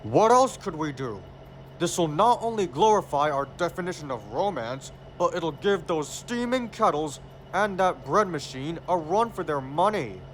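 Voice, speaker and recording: A man's voice: fairly high pitch, expressive, unhurried. A man voicing a fed-up talking train in an amateur cartoon dub, recorded with faint background noise. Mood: scheming, annoyed.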